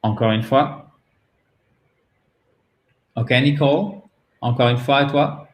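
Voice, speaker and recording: A man with a French accent, a native French speaker, teaching English pronunciation in a patient way and repeating words slowly for drilling. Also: medium pitch, reverberant. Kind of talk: pronunciation lesson.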